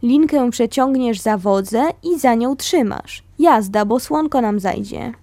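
A woman voicing a hearty young man who urges others on with brisk calls, read as part of a memoir. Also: very high-pitched, mellow, no room sound. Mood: urging.

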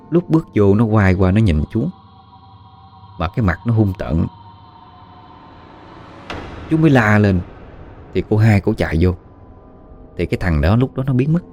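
A man's voice: fairly low pitch, a little mellow. A man with a Southern Vietnamese accent narrating a ghost story in a conversational way with dramatic asides. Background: faint music.

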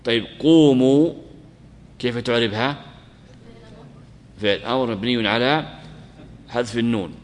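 A middle-aged man teaching a grammar lesson to students, asking them questions, repeating key words and stressing examples loudly. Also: mid-range voice, normal speed, long pauses. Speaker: sheikh teaching Arabic grammar. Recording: long reverb of a lecture hall.

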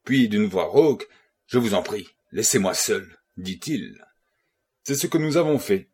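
A man narrating a classic novel for an audiobook. His voice is a little husky, and his pitch moves a lot as he tells the story. He gives the characters' quoted lines their own lift and colour. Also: a little mellow.

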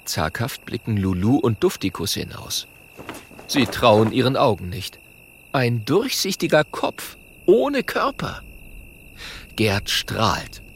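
A man reading a children's story aloud in an animated, expressive way. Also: mid-range voice, takes it slowly, slight background noise. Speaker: narrator.

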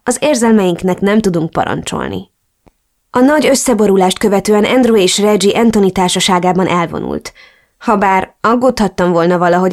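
A woman narrating a first-person romance audiobook in an expressive, emotional way. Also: medium pitch.

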